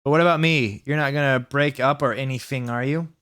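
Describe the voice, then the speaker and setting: A man's voice: medium pitch, fairly even intonation, a little fast, fairly bright tone, clean tone, natural voice. A man voicing melodramatic, distraught gothic teenage boys in a fan fiction parody, pleading and overwrought. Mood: anxious, pleading.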